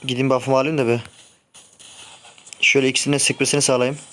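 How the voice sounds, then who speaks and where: A man's voice: mid-range voice, level tone, quick pace, slight background noise. A young man streaming and commenting on his own gameplay, grumbling and swearing when things go wrong. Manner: frustrated, shouts sharply when the game goes wrong. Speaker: gaming streamer.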